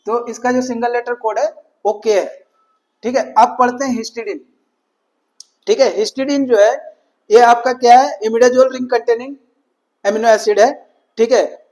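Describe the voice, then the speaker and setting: A man's voice: very high voice, a little mellow, low-quality recording. A man giving an exam-prep lecture, switching between Hindi and English, asking questions and answering them himself. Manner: mixes Hindi and English, repeats "ठीक है" often. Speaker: teacher.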